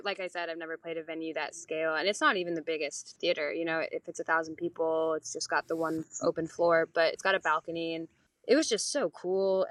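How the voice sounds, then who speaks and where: A woman's voice: on the low side, a bit bright, no echo. A young woman from Europe, raised in Paris, answering candidly and at length as a guest musician in a casual interview. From Europe, born in Italy, raised mostly in Paris. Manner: chatty, candid, long-winded answers.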